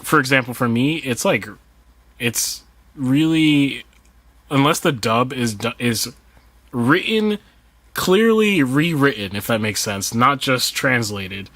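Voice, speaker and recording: A man's voice: medium pitch, a bit bright, no room sound. A man chatting casually on a podcast, rambling loosely and laughing between thoughts. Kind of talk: casual chat.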